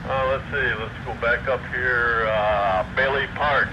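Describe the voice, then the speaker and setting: A man's voice: mid-range voice, steady tone, a little slow. A man acting as net control on an amateur radio net, calling stations in procedural radio style, heard over a two-way radio with static. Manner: procedural, call-sign radio phrasing with fillers. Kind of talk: radio net roll call. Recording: muffled radio audio with loud static.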